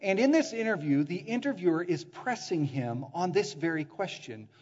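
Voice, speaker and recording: A man preaching a sermon as a pastor, animated, acting out the voices of the people he quotes. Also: sits high, moderate pace. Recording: dull sound with long hall reverb.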